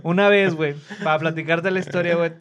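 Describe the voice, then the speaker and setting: A man's voice: on the high side, fairly even intonation, fast talker, a bit bright, clean tone. A young Mexican man telling a story in casual, slangy chat and tagging nearly every phrase with a filler. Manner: slangy, says "güey" constantly.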